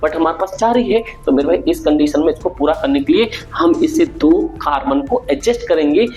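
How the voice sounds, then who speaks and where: A man's voice: a little high, lively intonation, brisk, darkish tone, rough recording. A young man teaching an exam revision lesson in an informal, brotherly way, often checking that students follow along.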